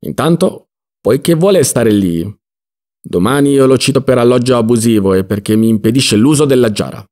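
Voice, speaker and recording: A man reading an audiobook, voicing an irascible rich landowner in a loud, indignant voice. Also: medium pitch, lively intonation, moderate pace, close to an everyday voice. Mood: defiant. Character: irascible rich male landowner, quick to shout.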